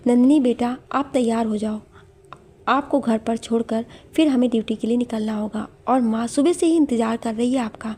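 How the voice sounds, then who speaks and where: A caring middle-aged father, anxious about his daughter, as a woman storyteller reads him. He asks question after question in a mellow, breathy voice. The narration comes from an audio storybook. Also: on the high side, moderate pace. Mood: concerned.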